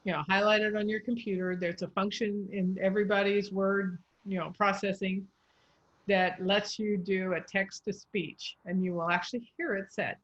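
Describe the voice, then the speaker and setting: Woman voice coach, patient, slow spelled-out explanations, mid pitch. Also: little pitch movement, muffled recording. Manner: patient, spells out letters slowly. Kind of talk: pronunciation coaching.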